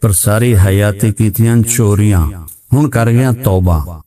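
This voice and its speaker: A man's voice: on the low side, warm tone, far from the mic, voice pushed down, close to an everyday voice. A man doing a blunt old Punjabi villager. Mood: wry. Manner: rustic plain-spoken dialect.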